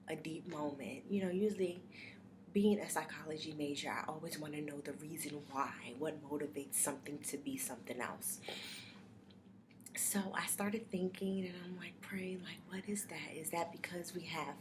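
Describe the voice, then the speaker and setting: A young woman in a casual, confessional vlog. She talks softly and reflectively and thinks aloud, with many fillers and restarts. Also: low voice. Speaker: vlogger sharing personal reflections. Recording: steady background noise.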